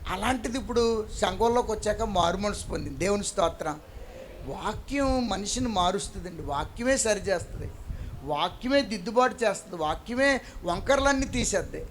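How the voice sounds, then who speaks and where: A man's voice: sits high, normal speed. A man preaches at a church prayer service. He tells his stories with life, acting out each person in them. A faint hiss sits under the recording. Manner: animated storytelling, acting out the people in his stories. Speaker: pastor. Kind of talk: sermon. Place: church during an all-night prayer service.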